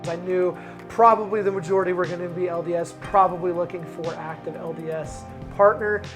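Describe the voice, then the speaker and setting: A man speaking in a reflective, measured way in a confessional interview, with small hesitations. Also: high voice, fairly even intonation, music in the background. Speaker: reality show contestant.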